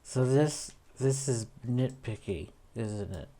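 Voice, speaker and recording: Medium-pitched and mellow, this man takes his time as he walks through a casual editing tutorial. Typing and clicks sound clearly behind him while the video editor thinks aloud, musing and tossing in tag questions as he demonstrates an edit.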